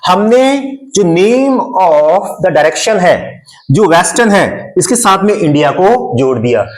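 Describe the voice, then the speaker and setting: A man from India gives a grammar lesson at a deliberately slow pace, walking through each point step by step. His voice sits a little high for a man. He says each term in both Hindi and English. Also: very animated, rough recording. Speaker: English teacher.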